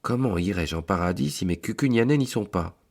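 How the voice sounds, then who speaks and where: A man's voice: sits low, animated, a little fast, gravelly, darkish tone, voice pushed up, exaggerated voice. A man voicing an anxious village priest, pleading and exclaiming in dismay.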